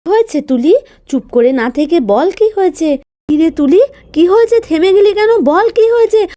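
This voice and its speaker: A busy, caring village mother, voiced by a woman fusses over her household in a storybook doll tale. Her voice rides high but sounds mellow. She scolds and soothes by turns. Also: lively intonation, moderate pace. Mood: anxious. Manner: fussing, scolding then soothing.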